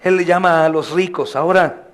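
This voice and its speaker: A male pastor preaching a sermon with passion, often calling out to the congregation with questions and swinging from soft lines to loud cries. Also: a little high, moderate pace. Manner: addresses the congregation as brothers, asks questions.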